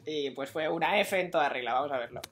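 A man from Spain hosting a show, presenting viral videos in a brisk, chatty way. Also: fairly high pitch, a bit bright. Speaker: host.

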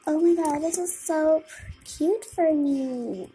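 A young girl murmurs to herself in a childlike way while casually commenting on her gameplay, thinking aloud. Her high voice is slow and warm, with faint music behind her. She is indoors at a computer, the screen filmed by a camera, and the recording is low quality.

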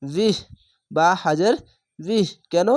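A man's voice: high-pitched, slow, dry recording, studio quality. A man teaching Quran reading, spelling out each syllable and then drawing out the joined word. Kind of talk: slow spelled-out Quran recitation lesson.

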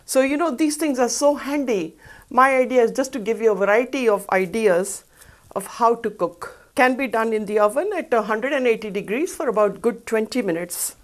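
A woman's voice: a little high, moderate pace. Chatty woman hosting a cooking show. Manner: chatty, upbeat, explains each step while working. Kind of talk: cooking demonstration. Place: studio kitchen set, indoors.

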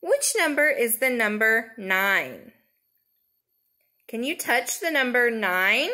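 High, animated woman teaching a toddler. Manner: simple, slow, sing-song talk as to a toddler, with questions and pauses. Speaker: preschool teacher. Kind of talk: children's counting lesson, as if to a toddler.

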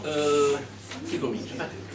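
A man hosts a live poetry workshop evening and introduces the readers in a chatty, hesitant manner. His voice sits a little high. He is recorded from a distance in an echoey room. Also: slow, crowd noise. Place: poetry reading event.

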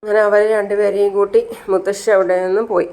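A woman's voice: mid-range voice, little pitch movement, fast, darkish tone. A woman casually retelling a serial episode, narrating steadily and quoting each character's words in her own voice.

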